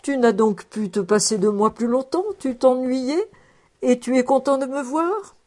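A woman's voice: high voice, a little slow, a little mellow, voice pushed up. A woman doing a wry old rabbi. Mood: teasing. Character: old rabbi, wry, good-natured, easily flustered.

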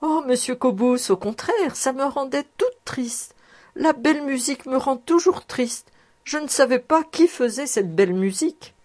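A woman voicing a shy, sweet young farm girl who talks softly and earnestly. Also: high voice, animated, moderate pace, pitched above the performer's own voice. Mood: gentle. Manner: soft, gentle and earnest.

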